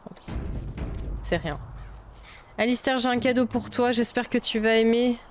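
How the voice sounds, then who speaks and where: A young Belgian woman streams a video game, chatting casually, thinking aloud, and swearing often, with faint game music in the background. Her voice is a little high and her pace moderate, with a little hiss or hum.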